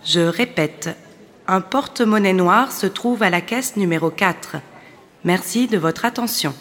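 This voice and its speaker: A woman making a polite, formal announcement over a store loudspeaker. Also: medium pitch, unhurried. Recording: long store-hall reverb.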